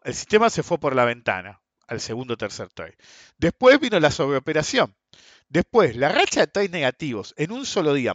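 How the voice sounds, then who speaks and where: A man with an Argentine accent gives an informal trading lesson, telling stories in a slangy way and often clearing his throat. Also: on the high side, no echo, highs cut off. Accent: Argentine Spanish. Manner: animated storytelling, frequent throat clearing, slangy asides. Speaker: trading instructor. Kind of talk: informal seminar talk on trading psychology.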